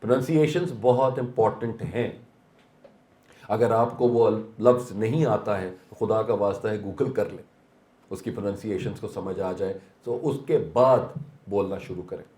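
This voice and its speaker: A man gives a motivational seminar talk in a low, mellow voice. He slips English phrases into his speech and asks the audience rhetorical questions. The sound is echoey, as in a hall. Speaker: seminar speaker.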